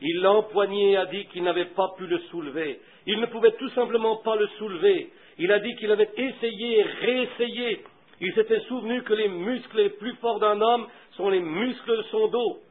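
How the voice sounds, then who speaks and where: Speaking at a normal speed, a man with a high voice preaches, his fervor swinging from quiet stories to loud pleas. It is an old, tinny, thin recording that resembles a telephone line.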